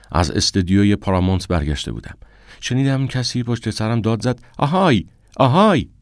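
Male audiobook narrator, very low voice, measured and somber, dry booth sound. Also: darkish tone, dry recording. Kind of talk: scripted first-person narration.

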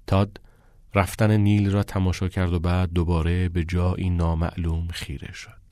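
A man narrating an audiobook in a calm, measured reading. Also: low voice, no room sound, clean studio sound. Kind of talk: scripted narration.

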